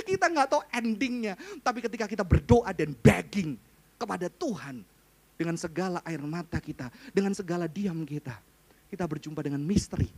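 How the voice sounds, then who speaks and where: High-voiced pastor. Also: male voice. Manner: conversational, quizzes the audience, swings between hushed and loud. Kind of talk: sermon.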